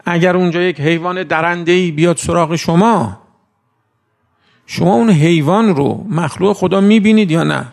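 A man giving a conversational sermon who recites Arabic sayings slowly and then explains them in everyday speech. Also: sits high, gravelly. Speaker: cleric giving a religious talk.

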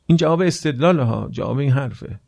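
A man with a gravelly, rough-edged voice delivers a sermon. He moves between telling a story and explaining it, and keeps asking his listeners rhetorical questions. At solemn moments he drops to a hushed, slow voice. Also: mid-range voice, animated. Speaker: preacher. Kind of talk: religious sermon mixing story retelling and explanation.

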